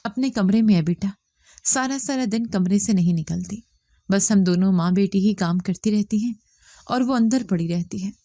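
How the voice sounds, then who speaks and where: A woman voicing an older mother-in-law who speaks softly and plays the victim. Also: medium pitch, no echo, studio quality, lightly acted. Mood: sly. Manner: soft complaining tone, plays the victim. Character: older mother-in-law, sly and self-pitying.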